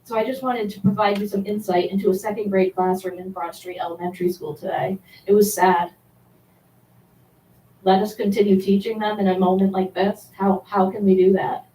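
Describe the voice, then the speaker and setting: A woman teacher speaks at a public meeting with halting, impassioned words and frequent restarts. Her voice sits at an ordinary pitch. It carries through a roomy, reverberant hall from some distance off the mic, with a faint hiss underneath. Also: flat delivery, warm tone. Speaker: elementary school teacher giving public comment. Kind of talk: public comment at a board meeting.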